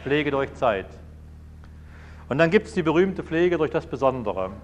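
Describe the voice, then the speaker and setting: A man's voice: a little high, sing-song, a little slow. German man preaching on marriage. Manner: anecdotal, acts out dialogues in varied voices. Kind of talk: sermon.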